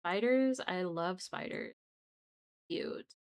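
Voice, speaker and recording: A woman's voice: lowish voice, takes it slowly, clear, resonant tone. A young adult woman streamer chatting casually, rambling with restarts and asides to her viewers. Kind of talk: casual livestream chat.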